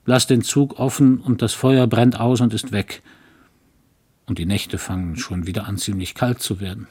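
Low voice, husky, a man doing a practical, fussy country doctor, audiobook. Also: steady tone, normal speed, a little mellow. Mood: grumbling. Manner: mildly grumbling, fussy, practical. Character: good-natured small-town doctor husband, fussy. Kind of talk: audiobook character voice.

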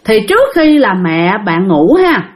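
A woman's voice: medium pitch, very animated, measured pace. A young woman telling a ghost story in a chatty way, talking straight to her listeners. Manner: chatty, addresses listeners directly.

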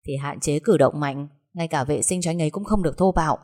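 A woman voicing a hospital doctor who gives brisk, instructive advice. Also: low voice, darkish tone. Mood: matter-of-fact. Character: matter-of-fact hospital doctor.

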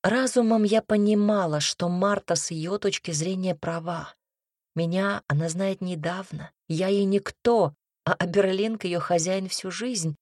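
A woman narrates a first-person audiobook in a measured, wry manner. Her voice is on the low side and the recording is dry and close to the mic. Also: darkish tone, no room sound.

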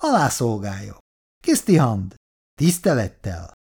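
A man voicing a rude, quarrelsome younger tenant who snaps and mocks in a gruff, loud way, in an audiobook reading. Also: mid-range voice, very animated, close to an everyday voice. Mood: hostile. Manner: gruff, shouting, mocking.

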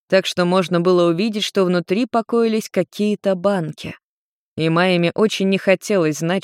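A woman with a low voice reads a story aloud in a calm, even manner. The recording is dry and close, with no room sound at all. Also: dry recording. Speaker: narrator. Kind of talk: storybook reading.

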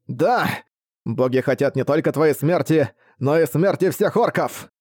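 A man's voice: on the high side, expressive, measured pace, darkish tone, no echo. A man voicing a zealous male cult assassin who declaims his god's will, raising his voice, in a dry recording. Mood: fanatical. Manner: declaiming, fanatical.

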